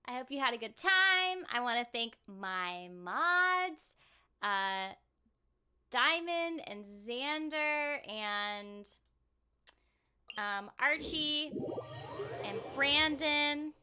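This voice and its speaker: This livestream host and voice actor chats playfully with viewers during a casual gaming session, with game music in the background. She has a high-pitched, expressive voice that is bright and forceful yet smooth, and she talks extremely slowly, pausing often.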